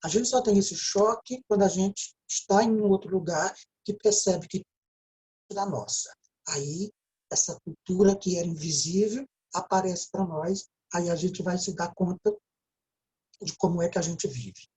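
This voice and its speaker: In a low-quality recording, a woman teacher speaks on the low side at a measured pace with a warm tone. She has a Brazilian Portuguese accent and walks through her video lecture step by step, frequently adding tag questions to check in.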